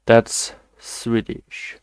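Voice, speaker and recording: A young Danish man whose first language is Danish chats loosely on a stream, rambling, swearing casually and making self-deprecating asides. He speaks extremely slowly, and there's no echo.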